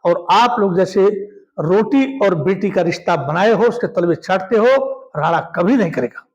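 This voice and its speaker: A defiant Rajput king scornfully refuses to submit, spoken by a man narrating a history story. His voice sits high. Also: expressive, a little slow, lo-fi sound.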